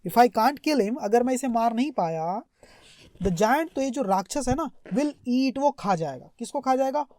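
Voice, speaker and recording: Slow, dry-voiced woman teacher. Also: a little high, expressive, mellow, dry recording. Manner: reads English slowly, then explains in Hindi with repeated questions. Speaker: English teacher. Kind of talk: explaining a story line by line in Hindi.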